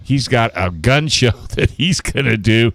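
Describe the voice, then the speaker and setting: A man co-hosting a radio show, delivering a chipper, punchy sponsor pitch like an old-fashioned ad. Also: animated, a little slow, a bit bright, no room sound. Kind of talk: live radio banter and sponsor read in a chipper ad-pitch manner. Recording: music bed behind the voice.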